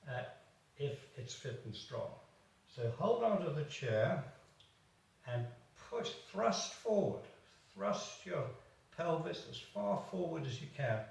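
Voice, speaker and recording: Slow man coaching exercises. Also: on the high side, creaky. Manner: slow, encouraging, demonstrating while talking. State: a little out of breath. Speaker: doctor leading home exercises. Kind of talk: instructional exercise video. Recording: echoey room, far from the mic.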